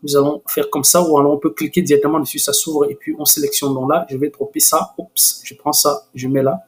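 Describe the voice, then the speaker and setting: A man with a fairly high voice hosts a screen-recorded software tutorial. He talks with frequent restarts and hesitant fillers, turning eager as he shows off the results. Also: flat delivery, a little fast. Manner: enthusiastic.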